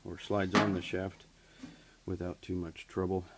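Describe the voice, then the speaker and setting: A man's voice: low-pitched, little pitch movement, measured pace, vocal fry, very noisy. A man working as an HVAC technician, plainly explaining a hands-on repair step by step with frequent fillers, recorded on a handheld camera in a basement and workshop. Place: basement furnace area and workshop floor. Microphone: camera held by the speaker while working.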